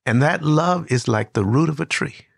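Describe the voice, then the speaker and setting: An older man hosting an interview, telling stories in a lively, conversational way with frequent restarts. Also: on the high side, normal speed, gravelly, husky, dry recording, studio quality. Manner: warm storyteller, animated with many restarts. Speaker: host.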